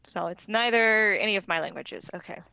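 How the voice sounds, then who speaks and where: A woman's voice: medium pitch, fairly quick, vocal fry, bright, forceful tone, clean tone, low-quality recording. A woman player in a tabletop game, speaking politely and a little puzzled. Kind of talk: casual tabletop play.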